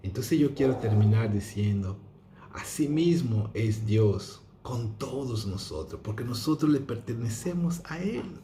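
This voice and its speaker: A man preaching a sermon that retells a parable, swinging between loud exclamations and whispers. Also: mid-range voice, lively intonation, unhurried, a little hiss or hum. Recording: roomy echo with faint ambience.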